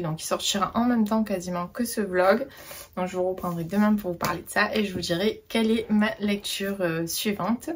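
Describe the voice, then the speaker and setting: A chatty woman hosting a casual reading vlog. Her voice is a little husky, and she fills her talk with fillers and restarts. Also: medium pitch. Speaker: book vlogger.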